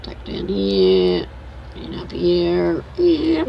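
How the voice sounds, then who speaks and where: Streaming a farming game, an older woman from New Zealand teases and chats while describing her own driving. She speaks very slowly in a fairly low, croaky voice with huge pitch swings; the highs are cut off and there's slight background noise.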